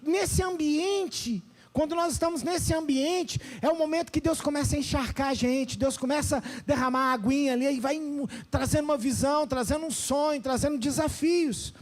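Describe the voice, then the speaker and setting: A male pastor preaching a sermon with a Brazilian Portuguese accent, animated and often calling out to the congregation for responses. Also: extremely high pitch, moderate pace.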